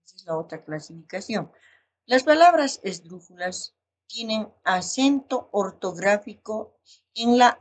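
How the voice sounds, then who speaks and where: A woman teacher giving a recorded language lesson, explaining step by step with fillers and careful lists of example words. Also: mid-range voice.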